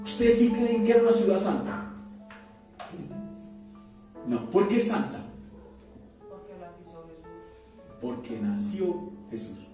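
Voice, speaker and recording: A man's voice: sits high, very animated, takes it slowly, long pauses, warm tone. A man preaching a sermon as pastor, talking conversationally and throwing rhetorical questions at his congregation. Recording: very echoey church hall from far off, faint music.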